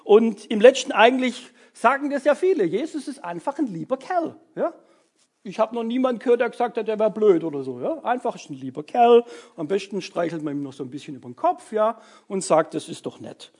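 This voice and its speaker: A man's voice: sits high, very animated, fairly quick, darkish tone, breathy edge. A man giving a casual sermon to young people as their youth leader, chatty and full of fillers and tag words.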